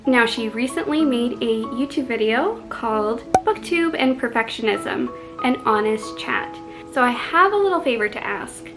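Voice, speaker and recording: A woman's voice: on the high side, expressive, normal speed, music in the background, rough recording. A woman with a Canadian accent, chatting casually to camera as a book vlogger, self-deprecating and full of "like".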